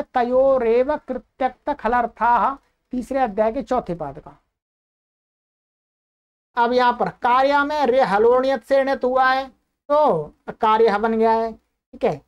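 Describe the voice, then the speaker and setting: A woman with a somewhat high voice teaching a grammar lesson. She poses questions to her listeners and answers them herself. She slows right down when she recites each example. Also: clean tone, lo-fi sound. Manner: slow, drawn-out recitation of Sanskrit examples. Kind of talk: explanatory lesson.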